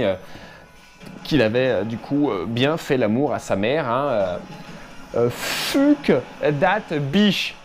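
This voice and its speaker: A man's voice: medium pitch, a little mellow. A young man hosting a casual comedic commentary, joking and chatty with many fillers. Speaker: host.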